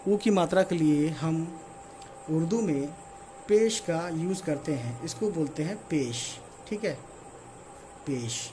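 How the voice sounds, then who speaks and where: High-voiced man teaching letters slowly. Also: expressive, warm tone, a little hiss or hum. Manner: repeats "theek hai" after each point, slow spelled-out letters. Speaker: Urdu teacher. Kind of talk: casual online lesson.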